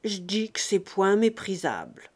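A woman's voice: medium pitch, sing-song, measured pace, slightly rough. Woman reading as a grave, sententious peasant. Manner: sententious, rustic speech.

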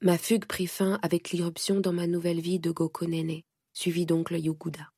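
A woman reading a first-person audiobook in a measured, steady way. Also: lowish voice, husky, no room sound, studio quality. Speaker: narrator.

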